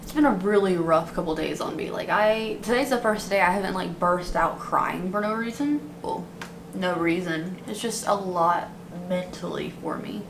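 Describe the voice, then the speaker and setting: Speaking at a moderate pace in a lowish voice, a woman in her twenties complains at length to the camera, casual and venting like a vlogger. She's a beauty vlogger recording in a small, dim apartment room, and the audio is clearly noisy.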